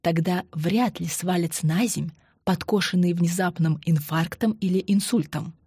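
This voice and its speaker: A woman narrating an audiobook in a measured, matter-of-fact way. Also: on the low side, darkish tone, slightly rough, dry recording, studio quality. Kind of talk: scripted narration.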